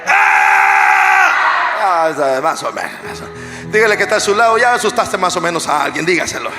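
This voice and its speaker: A man preaching an energetic sermon as a pastor, swinging from shouted war cries to hushed near-whispers, joking with the congregation and leading call-and-response. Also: on the high side, fast talker, over music, a crowd in the background. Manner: jokes with the congregation. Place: large church hall. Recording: echoey church hall, live recording.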